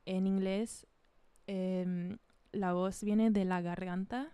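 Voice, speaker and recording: A woman's voice: medium pitch, fairly even intonation, takes it slowly, mellow, clean tone, no echo. A young woman chatting casually while she works, rambling off on tangents and switching between English and Spanish as a learner. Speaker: vlogger preparing DJ sets. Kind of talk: casual chat while working.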